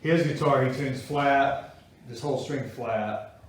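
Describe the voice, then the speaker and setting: The instructor speaks slowly in a medium-pitched voice, talking a small group through guitar building in a casual, folksy manner. The workshop classroom echoes, and the distant recording carries slight background noise.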